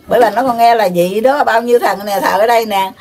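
An older woman with a Southern Vietnamese accent, rambling on in a lecturing, scolding way, full of drawn-out filler sounds. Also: fairly high pitch, darkish tone. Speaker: self-proclaimed spiritual elder receiving visitors. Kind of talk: rambling, preachy monologue.

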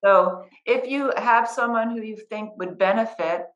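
A middle-aged woman, working as an editor and writing coach, patiently takes an interviewer through the practical steps of her craft while sitting on a couch beside a guest in her living room. Her slightly high, fairly bright voice keeps a measured pace on dull audio.

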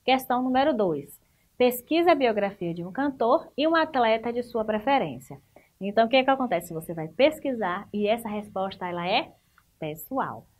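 A woman's voice: fairly high pitch, expressive, normal speed, darkish tone. A woman with a Brazilian Portuguese accent, teaching a remote school lesson, explaining step by step, asking the class questions and praising answers.

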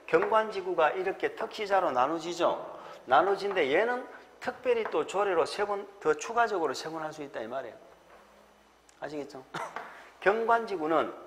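A man with a Gyeongsang accent, pitched a touch high, drills students through mnemonics in an exam-prep lecture, with frequent little chuckles. His voice carries a long hall reverb over faint background noise. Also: a bit bright.

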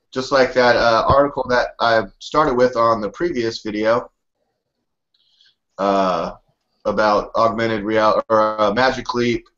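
A man's voice: fairly low pitch, a bit bright. Rambling sarcastic male co-host. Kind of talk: casual podcast chat. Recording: dull lo-fi audio.

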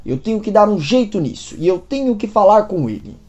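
Lady voicing a young guy freaking out about his secret, urgent inner thoughts, mellow voice. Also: mid-range voice, sing-song, a little fast, lo-fi sound, natural voice. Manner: urgent, tense inner monologue. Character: troubled young man hiding a secret.

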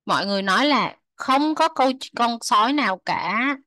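A woman teaching English to children, repeating words slowly, translating them and chatting with soft sentence endings. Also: on the high side, lively intonation, no room sound. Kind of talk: explaining a textbook lesson to children.

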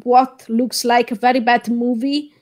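A woman co-hosting a movie review, speaking as an in a deadpan, exasperated way. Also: a little high, a little slow. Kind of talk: casual chat.

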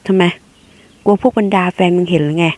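A woman voicing a brash, possessive young male university student who speaks in a low, slow, rough way. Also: a little mellow, lightly acted. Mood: teasing.

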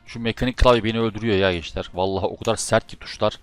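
A man doing live commentary over his own football video game match, often exasperated and shouting at his players and his keyboard. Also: on the low side, fairly even intonation, very fast, smooth, no room sound, soft background music. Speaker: gaming YouTuber.

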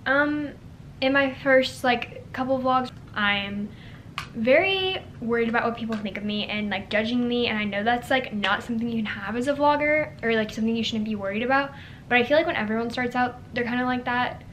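A woman's voice: fairly high pitch, brisk, a bit bright, far from the mic, a little hiss or hum. A young woman chatting casually in her vlog, full of fillers and "like", filming on a handheld camera in her car and around a mall. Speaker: vlogger.

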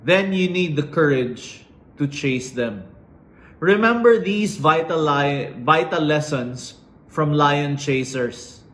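Middle-aged guy giving a slow dramatic pep speech, kinda high voice, echoey room. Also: a bit bright. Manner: slow and dramatic, with emphatic pauses. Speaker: commencement speaker. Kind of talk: inspirational speech. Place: indoors against a plain wall. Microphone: fixed camera at chest framing. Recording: roomy echo.

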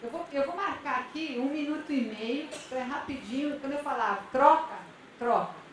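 A woman's voice: high-pitched, brisk, a bit bright, a little hiss or hum. A woman giving an interactive conference talk, speaking conversationally and often checking in with her audience. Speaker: lecturer at a public-sector conference. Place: large convention center auditorium. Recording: echoey hall, voice from a distance.

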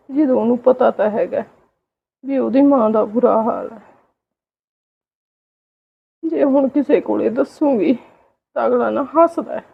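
A woman acting as a meek elderly village mother in a homemade family drama, speaking softly in a pleading, resigned way. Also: fairly high pitch, vocal fry, breathy edge, phone-quality sound, exaggerated voice. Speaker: neglected old mother in a family skit.

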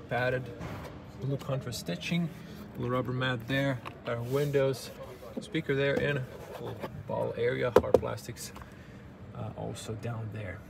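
A man's voice: mid-range voice, gravelly. A man in his thirties giving a casual car review, pointing out details one by one as he walks around and sits inside, filmed on a handheld camera at an indoor auto show. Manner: running commentary, pointing out details as he goes. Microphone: handheld camera mic. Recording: noisy auto show hall. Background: show hall ambience.

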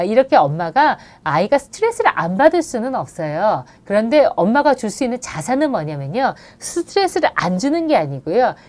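A woman with a lively, swooping voice explains how to handle a child's behaviour. She speaks as a play therapist on a live parenting Q&A, pausing on small fillers. She turns to the listener with questions as she goes. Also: mid-range voice. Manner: explanatory, poses questions to the listener and acts out sample lines; frequent "uh" fillers between phrases.

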